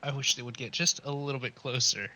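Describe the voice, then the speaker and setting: A man's voice: medium pitch, steady tone, fast talker, sharp tone. A man playing a tabletop game, casually explaining rules to the others. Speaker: player.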